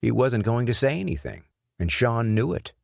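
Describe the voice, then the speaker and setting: A man narrating an action thriller audiobook in a steady, measured storytelling voice, close on a studio mic. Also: medium pitch, gravelly, dry recording. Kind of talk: scripted narration.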